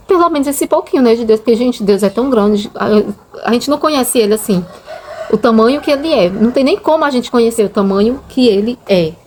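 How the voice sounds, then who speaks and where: A woman's voice: fairly high pitch, a little mellow, slight background noise. A Brazilian woman with a Brazilian Portuguese accent and children of her own, earnestly and emotionally telling viewers her religious testimony in a casual storytelling way. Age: adult with children. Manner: emotional, earnest, often says "gente" to the viewers. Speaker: channel host sharing a faith testimony.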